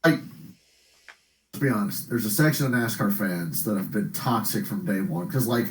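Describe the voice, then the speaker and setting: Low-voiced man talking casually, set back in a roomy space. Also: expressive, far from the mic. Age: middle-aged. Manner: rambling storyteller, laughs often, quick interjections. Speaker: podcast co-host. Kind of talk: casual chat.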